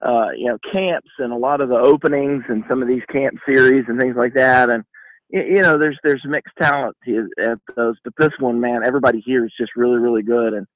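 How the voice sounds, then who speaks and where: A man's voice: mid-range voice, fairly even intonation, no echo. Joking male reporter on a dull line. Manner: joking, halting, restarts often. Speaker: sports reporter calling in. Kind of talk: casual chat on a call-in.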